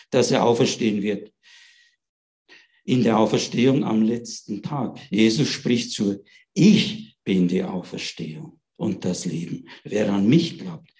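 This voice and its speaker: A man's voice: fairly low pitch, a little mellow. A man giving an informal Bible talk, retelling scripture in everyday speech and often checking in with his listeners. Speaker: preacher.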